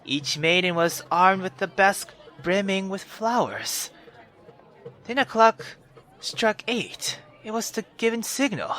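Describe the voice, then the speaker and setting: Faint music sits behind a man with a high voice who takes his time reading a visual novel aloud as he plays. His narration is dramatic and expressive, and his casual commentary comes laced with swearing.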